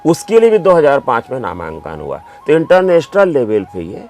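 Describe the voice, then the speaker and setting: A man's voice: mid-range voice, wildly swooping pitch, moderate pace, darkish tone. A man who is a doctor and writer, answering interview questions with emphatic, anecdotal storytelling.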